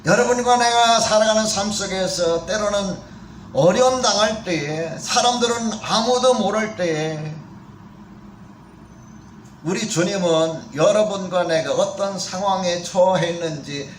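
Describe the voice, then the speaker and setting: High-voiced pastor preaching in echoey church. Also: male voice, measured pace, distant mic, slight background noise. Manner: conversational preaching with questions to the congregation. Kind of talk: sermon. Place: church sanctuary.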